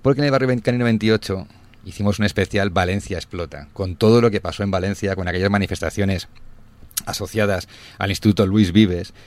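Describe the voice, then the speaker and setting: A man's voice: fairly low pitch, brisk. A man hosting a community radio music show, telling rambling anecdotes in casual chat. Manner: rambling anecdotal storytelling, animated.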